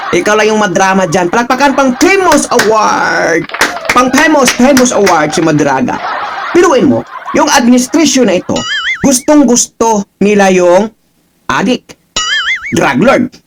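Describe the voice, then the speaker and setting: A man's voice: high voice, lively intonation, moderate pace. Guy ranting and mocking on his channel, laughs a lot, noisy recording. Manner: taunting, laughing, keeps asking "ha?". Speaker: political reaction vlogger. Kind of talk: mocking reaction commentary.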